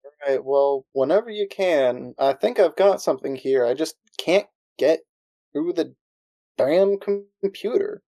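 Male tabletop player with a dark, mellow voice; dry wry remarks; close dry sound. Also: on the high side, expressive, a little slow, no echo. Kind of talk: casual tabletop game chat.

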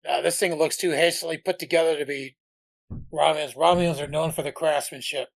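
Gravelly, confident male player. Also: fairly high pitch, steady tone, fairly quick. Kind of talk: casual tabletop game chat.

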